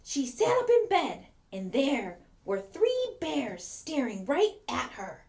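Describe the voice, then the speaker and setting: A woman narrating a children's fairy tale from a script, with expressive storybook emphasis. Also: sits high, takes it slowly.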